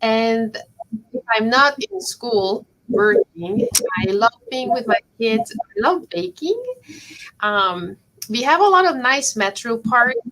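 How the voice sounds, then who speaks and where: Speaking slowly and with great animation, a Hungarian professor warmly encourages the children at her chemistry camp over a video call and frequently checks in with them. Her voice sits on the high side and is a bit bright, though the audio is poor.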